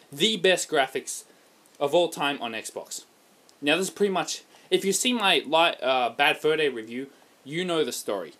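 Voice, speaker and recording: Australian male game reviewer, husky and fairly high voice, ranting and profane. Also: fairly bright tone. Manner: ranting, profane, emphatic outbursts. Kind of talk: casual game review over gameplay.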